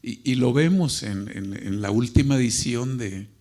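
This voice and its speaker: A man giving a thoughtful literary talk as a panelist, speaking in deliberate, learned and formal phrases. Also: mid-range voice, dark tone. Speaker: panelist discussing literature and language.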